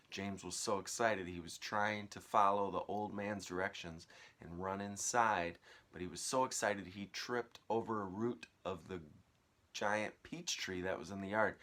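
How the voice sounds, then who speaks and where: A male teacher reads a children's story aloud to his pupils, adding casual asides. His voice is low-pitched and a bit bright.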